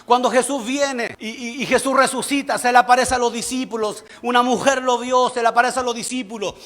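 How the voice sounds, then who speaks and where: High-voiced pastor preaching in a hall. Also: male voice, fairly even intonation, a little fast, a bit bright. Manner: emphatic, repetitive preaching with some stumbles. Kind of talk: sermon.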